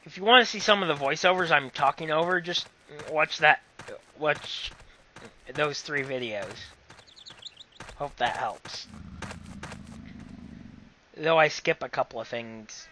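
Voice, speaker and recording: A man's voice: a little high, noisy background. A man giving casual, rambling commentary over a game playthrough, apologetic and given to corny jokes. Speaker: gameplay commentator.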